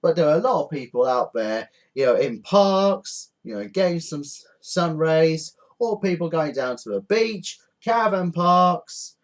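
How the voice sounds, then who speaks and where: A man vents his anger straight into the camera from indoors. His voice sits a little high and leaps up and down as he repeats his complaints. He swears constantly in a blunt, indignant way. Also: animated, a little slow, hardly any pauses. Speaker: vlogger. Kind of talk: angry rant to camera. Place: indoors at home.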